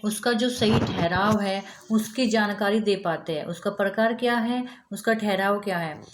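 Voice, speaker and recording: A woman's voice: mid-range voice, reverberant, a little hiss or hum. A woman teaching a grammar lesson to students in mixed with English words, explaining step by step with spoken examples.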